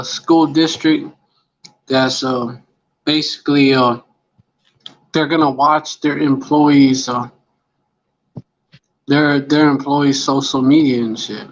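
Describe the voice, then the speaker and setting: A man's voice: a little high, steady tone, slow, long pauses. A man hosting a casual chat, drawling and swearing as he reads out news. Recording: dull lo-fi sound.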